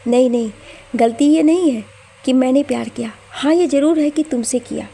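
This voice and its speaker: A woman's voice: a little high, steady tone, normal speed, vocal fry, dark tone, a little hiss or hum. A woman voicing a young wife who answers her husband in a hurt, indignant tone. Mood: defiant. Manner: tearful, indignant.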